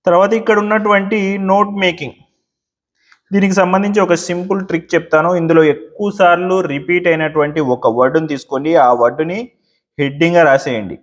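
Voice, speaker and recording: A man teaching exam tips, often repeating words slowly to show where the stress falls. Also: a little high, steady tone.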